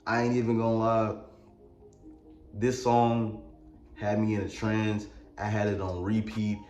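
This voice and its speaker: A man with a Mississippi Southern drawl rambles through a comedic album review, dropping crude jokes along the way. His fairly low voice keeps a level tone and measured pace, sounds a little mellow, and echoes in a roomy space with faint music behind him.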